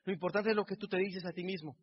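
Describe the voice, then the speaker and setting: A middle-aged Mexican motivational speaker gives an emotional speech, building momentum through repeated phrases. His voice is high-pitched and fast with a breathy edge and fairly even intonation, and the recording sounds dull in a reverberant hall.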